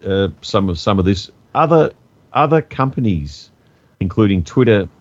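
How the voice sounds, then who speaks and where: A man co-hosting a podcast, talking in a measured, hesitant way with many pauses. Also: fairly low pitch, lively intonation, lo-fi sound. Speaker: podcast co-host. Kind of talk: casual chat.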